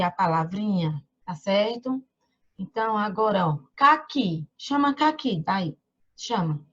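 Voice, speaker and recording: Slow, sing-song teacher woman. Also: medium pitch, highs cut off. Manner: slow, patient, sing-song teacher talk with frequent tag questions; drawn-out syllables when sounding out words. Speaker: primary school teacher. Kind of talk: online lesson for young children. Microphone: computer mic during screen share.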